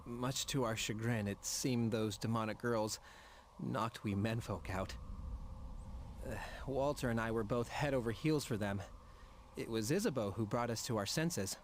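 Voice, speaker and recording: A man's voice: medium pitch, unhurried, slight background noise, lightly acted. An actor playing a courteous, sheepish young male samurai in a video game, with formal old-fashioned wording. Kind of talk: dramatic game voice acting.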